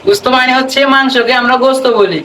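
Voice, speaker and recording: Very high-voiced woman, Chittagong Bengali accent. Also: fast, a bit bright. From Chittagong, Bangladesh. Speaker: guest demonstrating dialect words. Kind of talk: casual question-and-answer chat. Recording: distant, echoey, noisy room recording.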